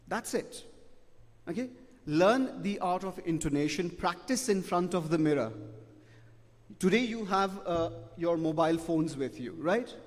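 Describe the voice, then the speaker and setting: A man's voice: fairly high pitch, darkish tone. A middle-aged man, giving emphatic, repetitive feedback as a debate judge and ending his points with "okay?". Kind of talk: spoken feedback to students. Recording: long hall reverb.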